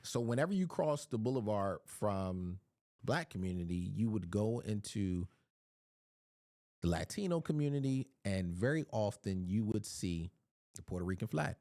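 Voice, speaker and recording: A man's voice: lowish voice, expressive, normal speed, dark tone, dry recording, studio quality. A man from Philadelphia giving a casual Bible teaching, often repeating words as he searches for his phrasing.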